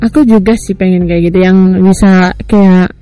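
A woman's voice: on the low side, steady tone, normal speed, warm tone, dry recording, poor audio. Giggly young woman chatting casually. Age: young adult. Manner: giggly, chatty, frequent laughter. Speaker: podcast host. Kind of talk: casual chat.

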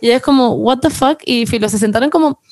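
A young woman with a Chilean accent, telling stories rapidly in a casual podcast chat, full of slang and stray English phrases. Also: a little high, darkish tone, no echo, studio quality. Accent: Chilean Spanish. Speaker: podcast host.

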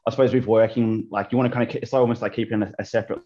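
Talking rapid-fire over a call, a thirty-something Australian podcast guest chats casually yet hesitantly, full of ums, fillers, and restarts. His fairly low voice has a steady, warm tone. The sound is dull.

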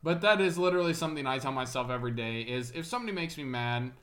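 A man's voice: mid-range voice, expressive, rapid-fire, fairly bright tone. Laid-back young man chatting on a podcast. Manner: laid-back, reflective, swears casually. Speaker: podcast co-host. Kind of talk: casual podcast chat.

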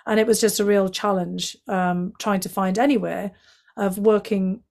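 A middle-aged woman from County Durham, England, answers interview questions as a guest; she used to work as an intelligence analyst. Her mid-range voice is steady and darkish, with vocal fry, at a normal speed. She speaks with a Northeast English accent, fluently and candidly, leaning often on fillers.

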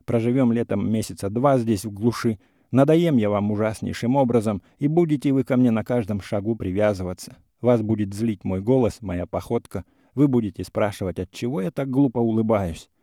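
A man voicing a sharp-tongued, mocking young woman in a classic story reading, with an ironic, teasing manner. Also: fairly low pitch, fairly quick, no room sound, clean studio sound, lightly acted. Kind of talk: audiobook character reading.

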